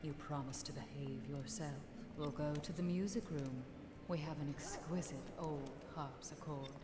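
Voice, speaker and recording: A woman's voice: sits low, moderate pace, natural voice. A woman voicing a flirtatious aristocratic lady hosting a masked ball in a video game, speaking in a coy, refined, teasing way. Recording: reverberant game audio with music. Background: game music.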